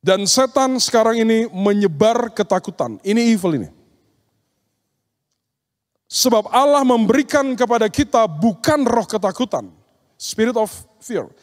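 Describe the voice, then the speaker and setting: Guy preaching at a seminar, kinda high voice, tells stories and acts out the dialogue, big echoey hall. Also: lively intonation, normal speed. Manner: storytelling, acts out dialogues with demons and youths. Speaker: speaker at an occult seminar. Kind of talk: seminar sermon with told stories. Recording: long reverb of a large hall.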